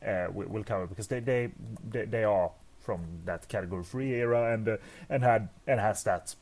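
Stammering low-voiced man on a podcast. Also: normal speed, darkish tone. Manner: stammering, repeats words, chuckles often. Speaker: podcast co-host. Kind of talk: casual movie-review podcast chat.

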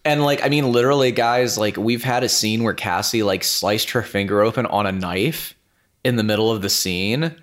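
A man with a fairly low voice co-hosts a podcast. He talks casually and loosely, with plenty of fillers and restarts. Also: normal speed. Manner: relaxed, rambling, many fillers. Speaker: podcast co-host.

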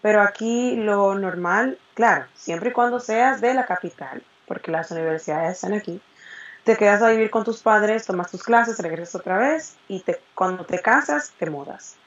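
A woman's voice: medium pitch, normal speed, dull audio. A woman in her twenties from the Dominican Republic, speaking Dominican Spanish and answering interview questions in a cheerful, chatty way that breaks into laughs. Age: 20s. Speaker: interview guest.

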